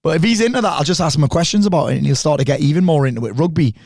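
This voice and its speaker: Fast-talking, animated man, close and dry. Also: on the high side, no echo. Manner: animated storyteller, swears freely. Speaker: podcast guest. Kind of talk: casual conversation.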